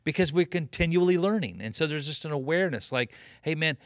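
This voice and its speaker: A man's voice: a little high, lively intonation, a little fast, no room sound, studio quality. A man in his late fifties, a pastor being interviewed, talking about leadership in an earnest, preaching way with emphatic repetition. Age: 50s. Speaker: pastor and guest. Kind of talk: conversational interview on ministry leadership.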